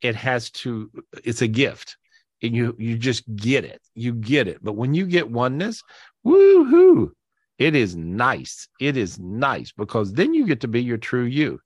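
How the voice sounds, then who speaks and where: A man's voice: mid-range voice, animated, husky, dry recording, clean studio sound. A man hosting a live spiritual talk over a video call. He speaks casually and enthusiastically, repeats himself, and often restarts his sentences. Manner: chatty and repetitive, many restarts with "and so"; enthusiastic, drawn-out emphatic words. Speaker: spiritual teacher and podcast host.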